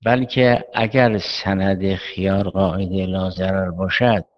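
A man lectures on Islamic jurisprudence in a measured, methodical way, raising questions and answering them himself. His voice sits low. The recording is dull and lo-fi. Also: level tone. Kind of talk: seminary lecture.

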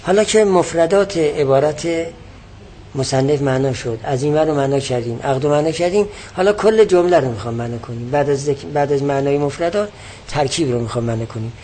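A man's voice: fairly high pitch, warm tone, a little hiss or hum. Man teaching a text, patient and explanatory. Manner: patient, explanatory, repeats key definitions. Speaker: teacher of religious texts. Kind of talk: classroom lecture explaining a text.

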